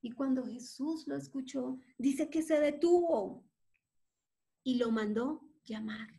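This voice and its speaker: A woman preacher delivers an impassioned sermon in a high voice. She acts out the quotes she tells. Small hesitant fillers break up her flow. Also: slow pace, vocal fry, dark tone.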